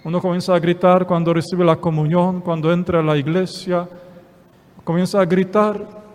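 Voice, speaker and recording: A man preaching a Sunday Mass homily as a priest, slow and repetitive, asking rhetorical questions. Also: high voice, flat delivery, a little mellow. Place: church. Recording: long church reverb.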